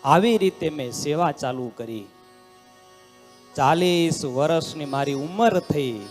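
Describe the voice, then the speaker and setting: Man, swami, devotional story sermon, high voice, dramatic loud-to-hushed delivery, long hall echo, faint music behind. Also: takes it slowly. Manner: dramatic delivery, swinging between loud exclamations and hushed lines. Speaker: swami giving a religious discourse.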